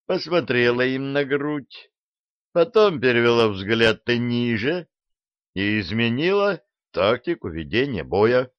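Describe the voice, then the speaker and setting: A man narrating a comic fantasy audiobook in an even storytelling manner. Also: medium pitch, dry recording. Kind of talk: scripted fantasy-comedy narration. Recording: dull, dry audiobook recording.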